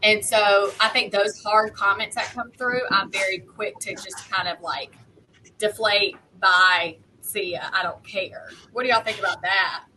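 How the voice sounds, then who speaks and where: A woman speaks in a bright, clear-cut voice at a middle pitch. She is frank and matter-of-fact, as in a casual discussion among peers, with some noise in the room behind her. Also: steady tone, moderate pace, low-quality recording. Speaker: online content creator and panelist.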